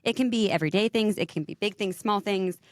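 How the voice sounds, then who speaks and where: A woman's voice: medium pitch, fast, dry recording, clean studio sound. A young woman co-hosting a podcast, rambling and self-deprecating in casual chat. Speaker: podcast co-host.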